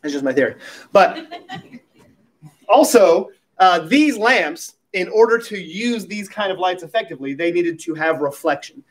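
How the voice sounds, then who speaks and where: A man's voice: high voice, animated, measured pace. A man preaching a sermon at a pulpit microphone as pastor, talking in a conversational way with light humorous asides.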